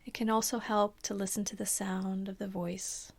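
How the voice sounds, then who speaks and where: Leading a guided body scan, this woman teaches meditation in a calm, unhurried, soothing way. Her medium-pitched voice stays soft and breathy and frequently drifts toward a whisper.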